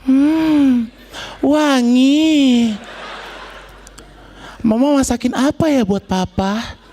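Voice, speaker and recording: Man putting on a high, gushing food-advert husband. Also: drawn-out words, mellow, slight background noise, exaggerated voice. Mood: dreamy delight. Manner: over-the-top, savouring, melodramatic.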